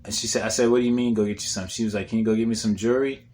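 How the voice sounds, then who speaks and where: A male comedian rattles through a rambling, profane story in a casual monologue, talking at a racing pace in a level, darkish tone. When repeating what someone said, he often drops into a low mutter, and there's slight background noise.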